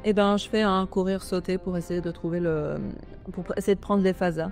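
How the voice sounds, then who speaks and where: A French woman, a player in a tabletop role-playing game, describing her character's actions in a quick, matter-of-fact way. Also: lowish voice, fairly even intonation, a little mellow, soft background music. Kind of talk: casual tabletop play.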